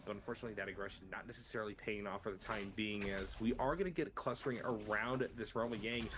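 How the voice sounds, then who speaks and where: A man giving analytical esports commentary in a measured way, explaining the tactics behind each fight. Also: medium pitch, background noise.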